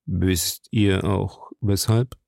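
A man voicing a powerful, scheming old cardinal who speaks slowly and probingly. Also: deep voice, steady tone, vocal fry, darkish tone, dry recording, studio quality, heavily acted. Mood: stern. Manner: slow, measured, probing.

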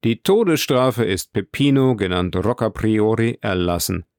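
A man voicing the solemn leader of a religious brotherhood, making a loud, formal proclamation. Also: on the low side, lively intonation, measured pace, no room sound, clean studio sound.

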